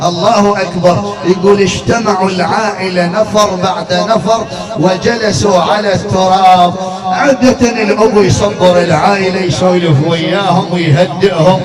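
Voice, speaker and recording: A man's voice: sits high, fairly even intonation, normal speed. A man with an Iraqi accent, a eulogist at a mourning gathering, moving between sung wailing lament and spoken storytelling. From Iraq. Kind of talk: chanted lament and mourning sermon. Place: mourning hall. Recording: echoey room, distant mic, music behind.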